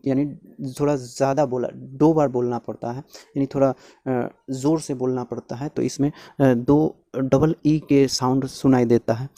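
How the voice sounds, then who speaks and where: A man teaching a lesson, slowly spelling out sounds one by one and repeating himself as he explains. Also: medium pitch, dark tone, no echo, studio quality.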